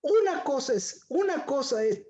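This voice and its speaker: A woman's voice: high-pitched, sing-song, normal speed, mellow. A woman giving a Bible teaching, firing rhetorical questions at her listeners.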